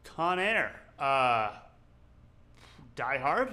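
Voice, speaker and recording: A man's voice: mid-range voice, very animated, extremely slow, sharp tone. A man co-hosting a casual podcast, rambling and joking with frequent laughs. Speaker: podcast co-host. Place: local to Las Vegas.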